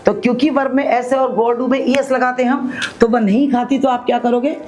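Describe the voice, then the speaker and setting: A woman with an Indian accent teaching spoken English, explaining each rule step by step, asking her students questions and slowly repeating example sentences. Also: on the high side, steady tone, darkish tone, rough recording.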